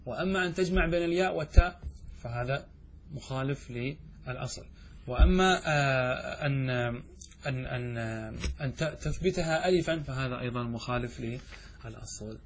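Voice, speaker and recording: A man teaching a grammar lesson who poses questions to his students and answers them himself, chanting verses slowly. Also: mid-range voice, slight background noise. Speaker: sheikh teaching Arabic grammar. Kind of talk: classroom lesson explaining verse.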